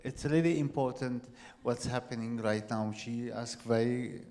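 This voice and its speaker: A man's voice: medium pitch, measured pace, darkish tone. Insistent middle-aged Syrian man, hall reverb. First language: Arabic. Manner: insistent, repeats phrases for emphasis. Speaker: panel guest, journalist. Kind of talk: panel discussion. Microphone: handheld microphone.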